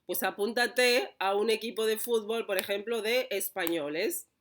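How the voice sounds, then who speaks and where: A woman with a Spain Spanish accent talks straight to camera in a loose, chatty monologue of advice. She stumbles and restarts often, tags her points with quick checks for agreement, and her pitch sits in an ordinary middle range. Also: a little hiss or hum. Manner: chatty, many restarts, keeps asking "¿vale?". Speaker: channel host and coach.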